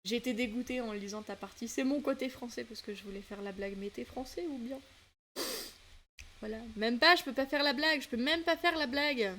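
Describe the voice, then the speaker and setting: A woman's voice: on the high side, brisk, bright, forceful tone. A woman from south-west France chatting casually as a streamer, with a loose flow full of fillers and restarts. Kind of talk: casual livestream chat.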